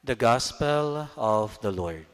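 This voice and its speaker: A man reading scripture as a priest at Mass, solemn, measured and formal, with cathedral echo around his voice. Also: medium pitch, animated. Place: large church, amplified. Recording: cathedral echo, long church reverb.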